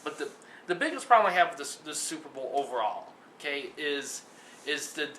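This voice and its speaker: A young man arguing on a mock sports talk show, often repeating his words as he builds each point. His voice is bright and fairly high. The echoey room adds a faint hiss behind him. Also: lively intonation, brisk. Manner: argumentative, repeats himself when starting a point. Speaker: co-host.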